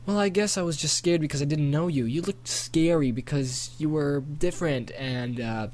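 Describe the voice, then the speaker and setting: A man's voice: a little high, moderate pace, darkish tone, lightly acted. A man voicing a curious, slightly timid boy who asks a lot of questions in an amateur audiobook. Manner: hopeful, inquisitive.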